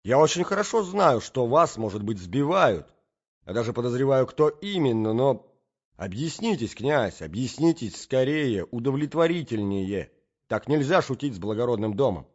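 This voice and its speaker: An indignant middle-aged matron, put on by a male audiobook reader insists and demands answers. Her voice is raised high and pushed loud. The recording is dull and lo-fi. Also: very animated, moderate pace. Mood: insistent.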